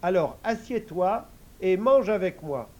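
A man's voice: sits high, expressive, measured pace, a little mellow, lo-fi sound, pitched above the performer's own voice. A man voicing a simple, cheerful young man in a storybook, speaking in a raised, naive voice.

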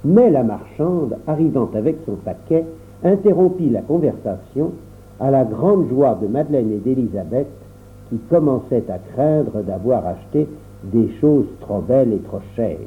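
A man narrating a children's novel aloud in a measured storytelling manner. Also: medium pitch, animated, slight background noise. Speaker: audiobook narrator. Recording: tinny phone-like sound.

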